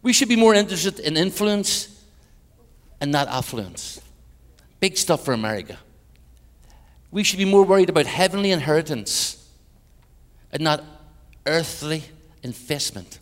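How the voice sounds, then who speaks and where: An Irish man preaching an evangelistic sermon with personal testimony in a large church, swinging between loud emphatic peaks and hushed passages, with wry humorous asides. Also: on the high side, animated, unhurried, long pauses. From Ireland. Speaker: guest preacher, minister to Europe. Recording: church hall with long reverb.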